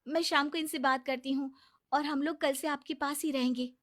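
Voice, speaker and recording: A woman voicing a gentle, caring daughter-in-law who soothes her mother-in-law. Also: high voice, fairly even intonation, moderate pace, pitched above the performer's own voice. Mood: concerned. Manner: soothing, concerned.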